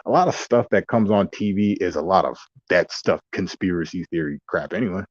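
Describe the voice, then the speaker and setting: Low-voiced man rambling in a dull dry recording. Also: fairly quick, dry recording. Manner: rambling, wandering asides and mock voices. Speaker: vlogger. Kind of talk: rambling casual monologue.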